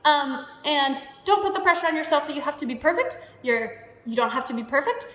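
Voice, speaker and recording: A woman's voice: sits high, expressive, a little fast, a bit bright. Woman, workshop leader, playful, encouraging, calls out moves, long hall reverb. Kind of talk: guided warm-up instruction. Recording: echoey, reverberant room.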